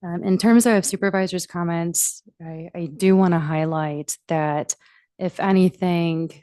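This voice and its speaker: Mellow, lowish-voiced woman chairing a meeting. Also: fairly even intonation, unhurried, no room sound, clean studio sound. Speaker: township supervisor chairing a board meeting. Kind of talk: formal meeting remarks.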